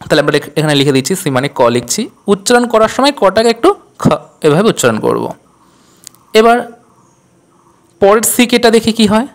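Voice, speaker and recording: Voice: mid-range voice, huge pitch swings, fairly quick, long pauses. A teacher explaining English pronunciation rules, who speaks patiently and spells words out letter by letter.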